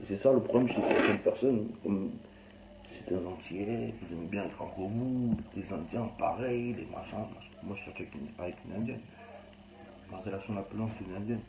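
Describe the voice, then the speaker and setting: A man's voice: low-pitched, normal speed, vocal fry, roomy sound. Blunt, rambling Cameroonian man, noisy recording. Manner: rambling, blunt, slangy, trails off. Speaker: vlogger. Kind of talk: casual monologue to camera.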